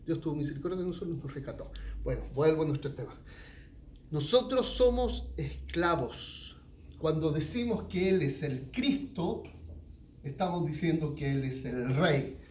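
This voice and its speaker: Man preaching, higher-pitched voice. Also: very animated, normal speed, darkish tone, a little hiss or hum. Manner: asks the congregation questions, frequent "¿ya?". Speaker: pastor. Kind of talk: teaching sermon.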